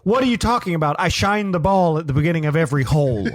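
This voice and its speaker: A touchy, self-absorbed movie star, confused and indignant, wandering through an improvised comedy sketch, played by a man. His voice sits fairly high and the recording is dry and close. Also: animated, fast, no room sound, close to an everyday voice. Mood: rambling. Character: spoiled male movie star amateur golfer in character.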